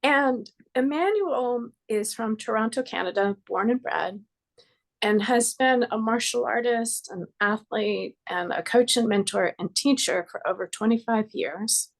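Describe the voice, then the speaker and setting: A woman's voice: fairly high pitch, measured pace. A woman hosting an interview over a video call with her computer mic, friendly and giggly, introducing her guest. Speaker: interview host, body care practitioner. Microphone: computer microphone.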